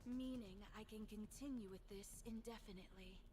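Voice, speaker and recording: An actress voicing a cold, synthetic female enemy with a self-repairing body, who speaks in a detached, measured and imperious way. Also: medium pitch, natural voice. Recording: game audio with loud music.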